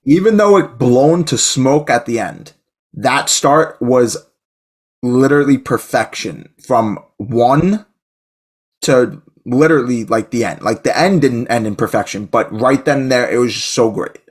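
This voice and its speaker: A man co-hosting a podcast in casual chat, talking excitably and rambling with frequent restarts. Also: medium pitch, a little slow. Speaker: podcast co-host.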